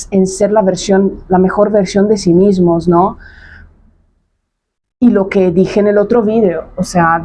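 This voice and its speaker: Blunt coach in her thirties, a woman of middle pitch who hammers her points home with casual slang. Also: darkish tone. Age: 30s. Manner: emphatic, repetitive, slangy and blunt. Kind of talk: casual spoken monologue to camera.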